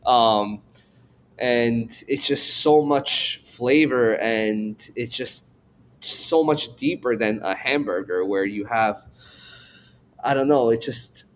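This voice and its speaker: A man's voice: mid-range voice, slight background noise. A man from Korea, raised in New York, talking as a chef guest on a podcast in a thoughtful, rambling way. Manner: thoughtful, rambling, many fillers and restarts. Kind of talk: casual interview.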